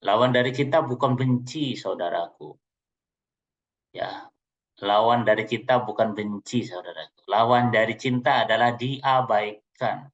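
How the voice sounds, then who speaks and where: A man's voice: lowish voice, measured pace. Teasing male seminar trainer, lo-fi. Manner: playful, teasing, addresses listeners directly. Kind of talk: joking seminar talk to an audience. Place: seminar room. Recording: dull lo-fi recording.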